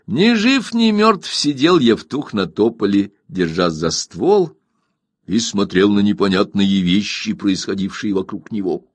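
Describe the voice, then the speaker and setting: A man narrating a classic short story as an audiobook in an animated storytelling manner. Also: fairly low pitch, measured pace, no echo.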